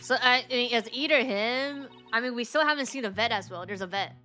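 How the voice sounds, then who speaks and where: Bright-voiced woman gamer, chatting casually. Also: fairly high pitch, fairly quick, soft background music. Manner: informal, chatty, thinking out loud. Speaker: gamer reading out and reacting to a visual novel. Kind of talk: casual game commentary mixed with reading dialogue aloud.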